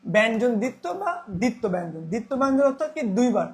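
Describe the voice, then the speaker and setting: A man's voice: very high-pitched, very animated, very fast. A young man teaching a Bangla grammar class, repeating key terms and asking then answering his own questions.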